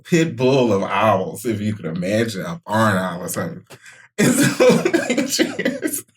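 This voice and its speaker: Brief: a woman co-host, wildly expressive pitch, slangy storyteller, a little tipsy. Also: measured pace. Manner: animated, slangy, laughs often, calls listeners honey. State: tipsy from shots. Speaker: podcast co-host. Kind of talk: casual storytelling chat.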